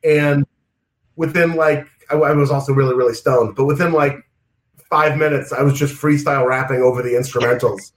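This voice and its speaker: A man's voice: medium pitch, fairly even intonation, fairly quick, reverberant. A man with a New York accent chatting casually, rambling with loose fillers and restarts. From Oregon. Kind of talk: casual remote chat.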